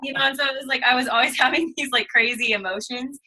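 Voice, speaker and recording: Bright-voiced woman telling an emotional story. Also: high-pitched, fast talker, poor audio. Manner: animated, emotional storytelling with quoted asides. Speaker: network marketing distributor. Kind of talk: casual testimonial chat.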